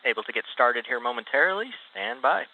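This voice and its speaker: A man speaking as a mission control communicator over a radio comm link, in brisk procedural radio talk. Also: medium pitch, animated, creaky, phone-quality sound. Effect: space radio comm link. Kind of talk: radio comm check protocol. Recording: distant radio link with faint hiss.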